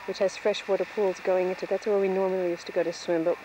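A woman talks quickly while she films outdoors, narrating what the camera sees. Her voice comes through the camcorder's own mic on an old VHS tape, with plenty of hiss and outdoor noise. The tone is casual, as in a family home video. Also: medium pitch, level tone, dark tone, poor audio. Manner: describes the scene as she films. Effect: old VHS camcorder tape sound. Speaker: person filming a home video. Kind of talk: casual commentary while filming. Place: outdoors by the water.

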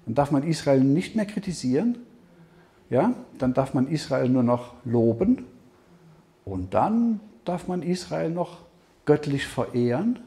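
A man leads a Bible seminar in a loose, conversational way. His voice sits a little high but sounds warm and mellow. He keeps pausing to check in with his listeners with a quick "ja?". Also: sing-song. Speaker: Bible teacher. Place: seminar hall with audience questions.

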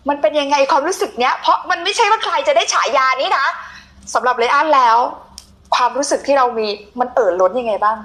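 A woman's voice: high-pitched, animated, quick pace, fairly bright tone. A woman hosting a conversational television interview, speaking affectionately to her guest like an older sister. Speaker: TV show host.

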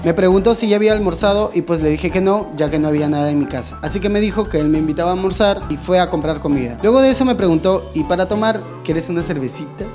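Young man, high voice, comic storytelling, mocking asides, faint music behind. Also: fast talker, few pauses. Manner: theatrical, mocking asides and acted-out quotes. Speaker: comedy storyteller host. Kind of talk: comic reading of listener stories.

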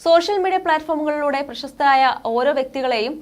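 A woman narrating a scripted entertainment news report in a steady, formal read-out manner. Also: high-pitched, fast talker. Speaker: news reader.

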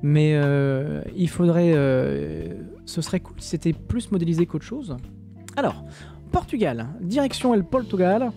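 Un streamer français sans accent qui commente un simulateur de vol en direct, lit le chat et plaisante, avec beaucoup d'hésitations. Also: male voice, a little high, animated, unhurried, vocal fry, warm tone, soft background music. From France. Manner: chatty, joking, many hesitations. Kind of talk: live-stream flight sim commentary, reading chat.

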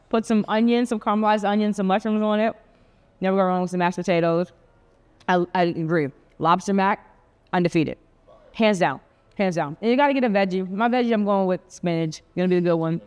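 A woman's voice: medium pitch, a little fast, a little mellow, clean tone. A young woman hosting a casual dinner-table interview, upbeat and chatty, with lots of slang. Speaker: host.

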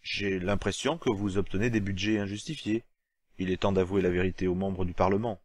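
Honest government counsellor, formal and earnest, low voice from a man. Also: fairly even intonation, fairly quick, no room sound.

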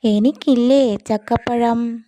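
A woman's voice: on the high side, fairly even intonation, slow pace, dark tone. A woman doing a plaintive hungry little myna bird. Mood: pleading. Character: small hungry female myna bird, pleading.

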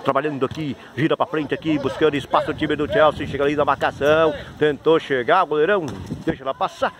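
Brazilian man, match commentator, rapid, raised voice, live outdoor crowd noise. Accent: Brazilian Portuguese. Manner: rapid excited play-by-play, repeats team names. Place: outdoor youth football pitch. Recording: noisy crowd at outdoor pitch. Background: crowd and players shouting.

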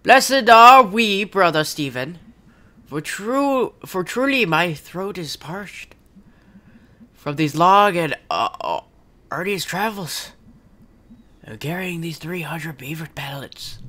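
A man's voice: high-pitched, animated, sharp tone, full character voice. A man doing a pompous pioneer brother. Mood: solemn. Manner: archaic, declamatory, slow stage delivery.

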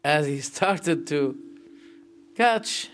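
A man leads a religious lesson, explaining verses in a voice pitched a little high. He is animated and emphatic, lifting his voice on the points that matter. He tells stories with open feeling. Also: very slow. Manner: tells stories, sometimes emotional. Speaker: sheikh teaching Islamic creed.

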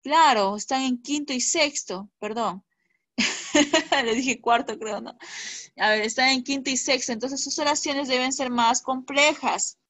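A woman's voice: high voice, a little slow, a bit bright, no echo. A woman teaching an online class to schoolchildren, patient and encouraging, checking often that they follow.

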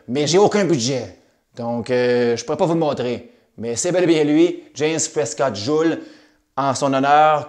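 A man's voice: a little high, a little mellow. A man with a Québécois accent teaching a recorded math lesson, upbeat and cracking jokey asides.

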